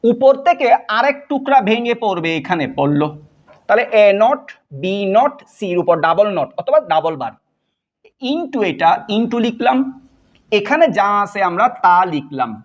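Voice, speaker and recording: A male teacher working through a math lesson step by step, often asking a question and then answering it himself. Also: sits high.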